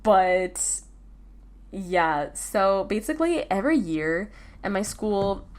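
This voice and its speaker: A woman's voice: medium pitch, lively intonation, takes it slowly. A teenage girl hosting a casual solo podcast, rambling with lots of fillers and restarts. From United States. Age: teens. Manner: rambling, filler-heavy, self-interrupting. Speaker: podcast host.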